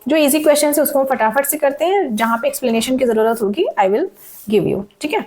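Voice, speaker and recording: A female teacher with a slightly high, somewhat mellow voice guides students through exam questions in a Hindi-English prep lesson, reading each one slowly in English before explaining it. She often stops to ask "theek hai" to make sure they follow. A sore throat makes her voice crack now and then.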